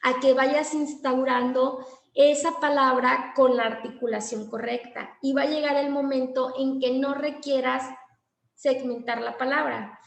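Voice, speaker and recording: A woman's voice: sits high, fairly even intonation, measured pace, gravelly, roomy sound. A woman giving a lecture on language therapy, explaining step by step and acting out short exchanges between teacher and child. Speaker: teacher trainer.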